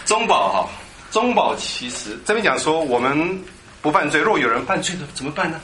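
A man preaching a lively Bible teaching sermon, quizzing his congregation and drilling them on Greek words. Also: on the high side, moderate pace. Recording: echoey hall with background noise.

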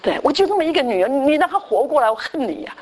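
A woman's voice: sits high, sing-song, fast talker, darkish tone, low-quality recording. A woman voicing a grieving mother railing at God. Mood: anguished. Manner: wailing, accusing.

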